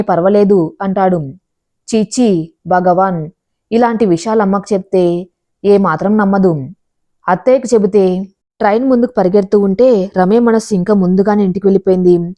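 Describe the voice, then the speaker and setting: A woman narrating a family drama story, reading every character's lines herself and slowing down for emphasis. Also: medium pitch, warm tone. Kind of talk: storytelling narration with voiced dialogue.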